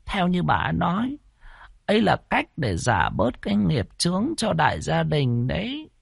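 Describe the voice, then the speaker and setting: A man voicing an old village midwife woman in a storybook ghost tale, telling things slowly, gravely and quietly. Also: on the high side, wildly swooping pitch, no echo, studio quality, voice pushed up, heavily acted.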